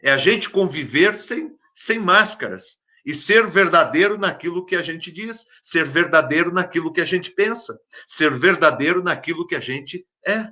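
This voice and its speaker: Bright-voiced Brazilian preacher man. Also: on the high side, animated, normal speed, few pauses. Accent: Brazilian Portuguese. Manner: emphatic, repeats key phrases, swings from loud to hushed. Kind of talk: devotional sermon.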